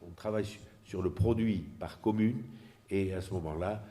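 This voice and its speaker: A man with a low voice and dark tone gives an unscripted political presentation meant to explain. He speaks haltingly, often repeating words while hunting for the next one.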